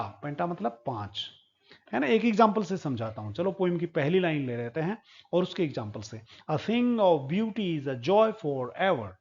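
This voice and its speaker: Middle-aged guy teaching poetry, fairly high voice, repeats stuff patiently, bit of a dull lo-fi sound. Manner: patient, explains step by step, repeats key points. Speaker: English teacher. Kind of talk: classroom lecture on poetry.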